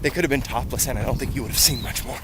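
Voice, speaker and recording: A middle-aged American man with a mid-range voice talks rapid-fire in a casual, rambling, conversational way while recording a running vlog. He's outdoors on town and semi-rural streets, and loud road traffic and outdoor ambience fill the recording.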